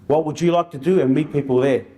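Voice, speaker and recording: A man's voice: fairly high pitch, fairly even intonation, quick pace, warm tone. Informal male presenter. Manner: colloquial and anecdotal, with slang and re-enacted dialogue. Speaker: outreach worker presenting to an audience.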